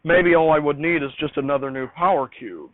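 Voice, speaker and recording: Fiddling with equipment in his home radio studio, this amateur vlogger improvises casually, mumbling and repeating phrases in a fairly high, slightly quick voice. There's no echo, but the sound is thin and phone-like with hissy noise.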